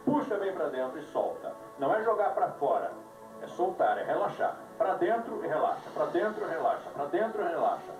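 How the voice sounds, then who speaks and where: A man's voice: fairly high pitch, big pitch swings, fairly quick. A man leading a live yoga class, giving instructions with dry jokes, heard on an old VHS tape recording. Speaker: yoga teacher. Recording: echoey room, voice from far off, music behind, old VHS tape.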